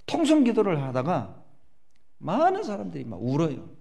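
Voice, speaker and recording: Animated middle-aged Korean pastor preaching. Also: male voice, on the high side, moderate pace, vocal fry. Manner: animated storytelling, acting out prayers and voices. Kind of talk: sermon.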